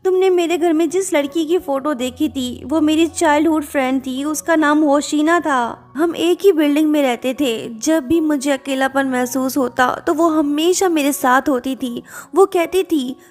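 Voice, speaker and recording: A woman's voice: high voice, moderate pace, hardly any pauses, natural voice. A woman voicing a remorseful young male idol. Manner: quiet, remorseful confiding. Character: guilt-ridden young male pop idol.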